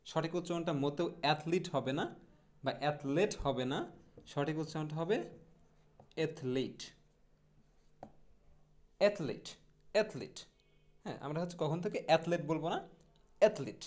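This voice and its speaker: A man teaching English pronunciation in a casual video lesson, repeating each word slowly several times. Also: on the high side, a little mellow. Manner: repeats model words slowly and drills them.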